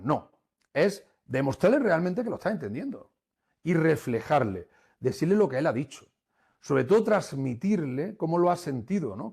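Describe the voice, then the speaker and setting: A man giving a webinar lesson, animated and emphatic, swinging between loud and soft and repeating key phrases. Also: on the high side, gravelly, slightly rough. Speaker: webinar instructor. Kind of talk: lecture on conflict resolution. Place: online webinar.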